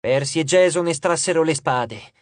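A man narrating an audiobook with expressive, dramatic storytelling, recorded on a studio microphone in a booth. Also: fairly high pitch, moderate pace, dry recording.

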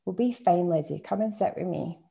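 A woman reading aloud voices a calm, dry, reassuring father with a Glaswegian accent. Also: fairly low pitch, brisk, gravelly.

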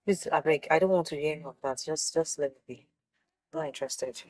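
A woman's voice: deep voice, a little fast, darkish tone, no room sound. A Nigerian woman playing an irritated young woman who brushes off gossip, with Pidgin phrases. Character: annoyed young woman, the main girlfriend. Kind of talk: Nollywood film acting.

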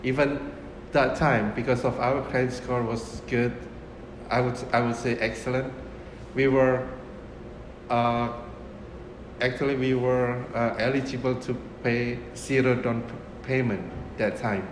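A man in his fifties, originally from Indonesia, a restaurant owner speaking in a casual interview, unhurried and full of fillers and restarts. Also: medium pitch, level tone. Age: 50s. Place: restaurant dining room, indoors. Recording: roomy echo with room noise.

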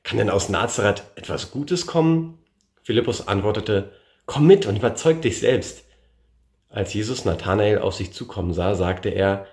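A man reading a Bible passage aloud in a measured way, lifting his voice for the quoted speakers. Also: lowish voice, expressive, darkish tone, echoey room. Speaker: scripture reader.

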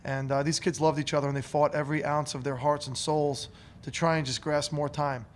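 Talking a little fast in a level tone, this head coach in his thirties has a voice on the high side. At the postgame press conference, held in a press room in front of a curtain, he speaks with earnest emotion and repeats words often into a table mic on a stand. A little hiss or hum can be heard.

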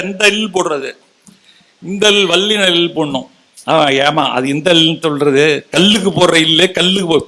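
A man with a high voice delivers a literary talk with a Tamil accent. He chants lines of verse slowly, then breaks into quick, chatty explanations for his audience. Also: fairly bright tone. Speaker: orator.

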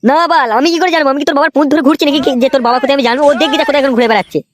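Brief: foul-mouthed old cartoon grandfather, rapid pleading and griping, slightly high voice. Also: animated, a little mellow, a little hiss or hum. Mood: snappish. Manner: pleading, then snapping with coarse insults. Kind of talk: cartoon voice acting.

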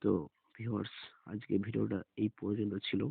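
Low gravelly guy teaching reading, flat tone, says it all twice, tinny phone-ish sound. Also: no room sound. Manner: slow, deliberate, repeats words and meanings. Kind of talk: spelling-out lesson.

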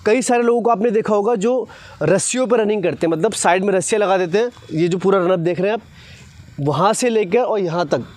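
Speaking quickly in a high-pitched, somewhat mellow voice, this twenty-something fast-bowling coach and presenter walks the camera through cricket technique, frequently tossing in brief tag questions. The lapel-mic recording outdoors on a grassy ground has no echo.

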